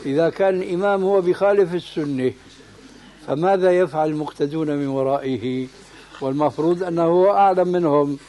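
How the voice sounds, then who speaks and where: A religious scholar teaches with firm, emphatic corrections. His voice sits somewhat high for a man yet sounds warm and mellow. He often tosses out a question and answers it himself. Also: a little fast.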